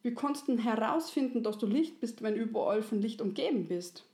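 A woman's voice: on the high side, animated, brisk, warm tone, natural voice. A woman voicing a kindly, wise creator woman, soothing and folksy. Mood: gentle. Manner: soothing, folksy, fond of dialect fillers. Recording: roomy echo.

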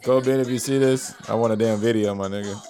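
A man's voice: lowish voice, fairly even intonation, quick pace, dark tone. A man co-hosting a casual show, reacting to music videos with loose, profane banter and laughter. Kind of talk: casual chat.

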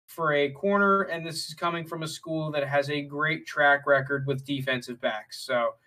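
A man co-hosting a casual sports talk show, relaxed and using many fillers. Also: fairly high pitch, normal speed. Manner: relaxed, filler-heavy, leads the segments. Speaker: podcast co-host. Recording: voice distant from the mic.

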